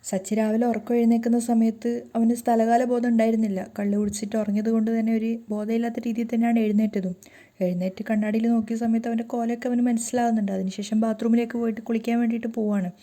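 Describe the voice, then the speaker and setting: A woman retelling a TV serial episode in a steady, matter-of-fact way. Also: on the high side, fast. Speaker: serial recap narrator.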